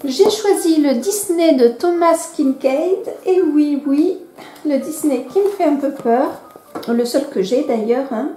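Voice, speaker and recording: A high-pitched woman with a soft, mellow tone talks casually to her camera, hesitating and correcting herself as she goes. Her voice rings around an echoey room. Faint music plays underneath. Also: slow. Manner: chatty, hesitant, frequent fillers and self-corrections. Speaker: coloring vlogger. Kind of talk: casual show-and-tell vlog. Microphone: camera microphone she moves around.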